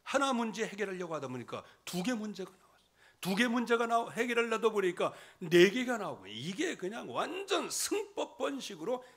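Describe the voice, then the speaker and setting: High, animated male pastor preaching. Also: moderate pace, slightly rough. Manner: lively preaching, swinging from loud emphasis to quiet asides, mimics hymn singing. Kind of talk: sermon. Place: church sanctuary.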